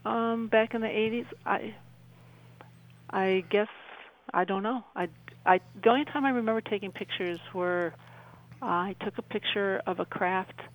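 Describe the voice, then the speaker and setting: A woman in her sixties, a guest describing her UFO experience, tells her story in a conversational radio interview, speaking haltingly, rambling and often rephrasing mid-sentence. Her voice is medium-pitched and the recording is rough.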